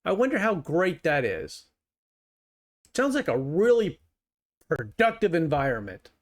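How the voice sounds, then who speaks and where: Sarcastic middle-aged man, high-pitched. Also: big pitch swings, unhurried. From United States. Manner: sarcastic and heated. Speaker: reaction video host. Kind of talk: reaction commentary.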